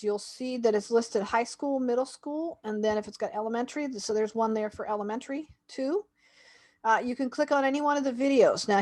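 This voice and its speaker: A woman reviewing a homeschool website, talking casually and thinking aloud as she clicks through it. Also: fairly high pitch. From Canada. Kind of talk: screen-share website walkthrough.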